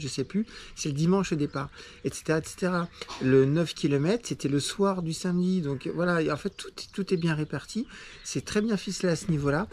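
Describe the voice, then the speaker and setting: A man's voice: a little high, darkish tone, a little hiss or hum. Casual male trail-running vlogger, rambling delivery full of fillers, outdoor handheld recording. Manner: chatty, rambling with many fillers. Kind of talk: casual vlog chat. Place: outdoors after a race.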